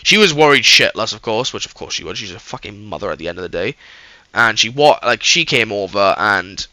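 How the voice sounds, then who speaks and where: A man's voice: on the low side, expressive, brisk, pushed and bright, dry recording. A man telling a personal story on his channel in a rambling, casual way, swearing constantly. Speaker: YouTuber.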